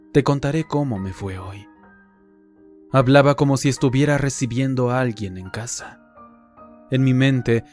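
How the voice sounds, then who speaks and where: A man reading submitted horror stories aloud in a measured, hushed storytelling manner. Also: medium pitch. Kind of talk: scripted horror narration. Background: faint background music.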